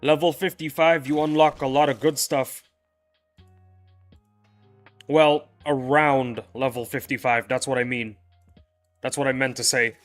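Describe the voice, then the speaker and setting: With faint music in the background, a young streamer talks casually to his audience while gaming, restarting sentences as he goes. His medium-pitched voice is steady and a little slow, broken by long pauses.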